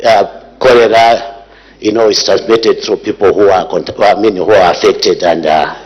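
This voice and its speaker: A man, a member of parliament asking a question in a halting way, with many fillers. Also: lowish voice, steady tone, a little mellow, husky, lo-fi sound. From Zambia. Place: parliament chamber.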